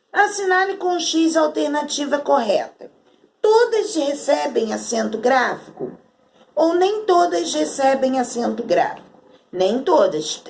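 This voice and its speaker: Slow, gravelly Brazilian woman teacher. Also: a little high. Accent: Brazilian Portuguese. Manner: slow, drawn-out words read aloud one by one. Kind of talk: online Portuguese lesson for children.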